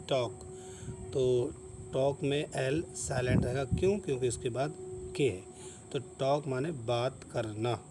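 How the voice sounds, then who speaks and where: A man explains a rule step by step, spelling letters aloud and repeating himself patiently. His voice sits at a middling pitch. A faint hiss of noise runs under the recording. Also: a little mellow. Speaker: English teacher. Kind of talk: explanatory lesson.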